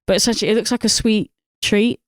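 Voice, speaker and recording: A woman's voice: mid-range voice, steady tone, quick pace, no room sound, studio quality. A woman, co-hosting a podcast and rambling about a film with lots of swearing, fillers and laughter. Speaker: podcast co-host. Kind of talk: casual film review chat.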